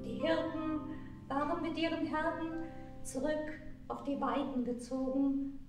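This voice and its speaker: A woman storyteller telling a fairy tale in a deliberate, expressive way, with long pauses. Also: sits high, over loud music. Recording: very echoey room, mic far off.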